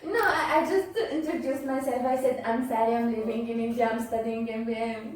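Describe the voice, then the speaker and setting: A woman's voice: on the high side, steady tone, a little fast. A young woman from Syria, a native Arabic speaker with a Levantine Syrian accent, talking casually as an interview guest and often searching for words. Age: young adult. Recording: distant echoey mic, faint background noise.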